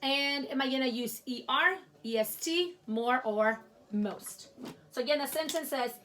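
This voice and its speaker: A woman teacher walks through a grammar lesson in a high voice. She talks slowly and patiently, often pausing to check in with "okay?" as she writes on a board. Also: fairly bright tone, a little hiss or hum. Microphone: writing at a board while talking.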